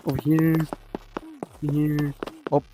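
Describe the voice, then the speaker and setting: A man's voice: a little high, completely flat delivery, takes it slowly, background noise. A young man casually narrating his progress building a level in a VR game, chatty and rambling, often correcting himself. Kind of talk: casual gaming vlog narration.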